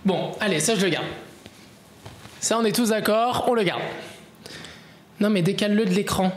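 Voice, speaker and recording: A man's voice: sits high, normal speed. A man streaming live, chatting casually and joking back at his viewers' comments as he sorts through things. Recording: roomy echo, faint background noise.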